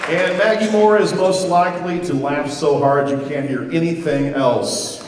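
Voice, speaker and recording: A man's voice: a little high, steady tone, moderate pace, heavy background noise. A man, a school band director, announcing students at a concert in a teasing, joking way. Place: large indoor hall with an audience. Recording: echoey hall, distant mic, loud crowd.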